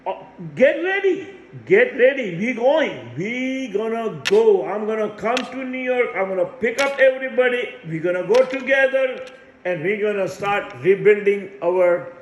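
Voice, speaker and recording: A man in his sixties preaching a rambling religious monologue in a high voice. He talks slowly and insistently, repeating phrases over and over for emphasis. The sound is echoey, as if he were in a bare room. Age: 60s. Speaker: self-proclaimed messiah preaching.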